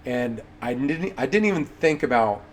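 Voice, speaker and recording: A man's voice: mid-range voice, expressive, normal speed, a little hiss or hum. A man hosting a podcast, telling a rambling, self-deprecating personal story with many restarts. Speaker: podcast host.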